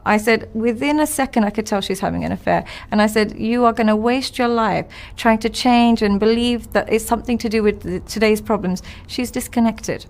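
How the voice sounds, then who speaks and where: A woman coaching on relationships as a podcast guest, telling stories from her practice in a blunt, emphatic, animated way. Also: a little high, a little fast, hardly any pauses. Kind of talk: conversational podcast interview.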